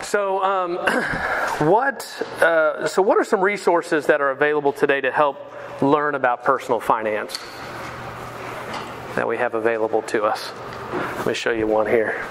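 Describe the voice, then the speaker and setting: A mortgage sales manager in his thirties, originally from Pensacola, Florida, gives a casual finance seminar in a lecture room, chatty and self-deprecating and constantly asking the audience questions. His medium-pitched voice is fairly bright, a little slow, and fairly even in intonation. The recording is rough, with slight background noise.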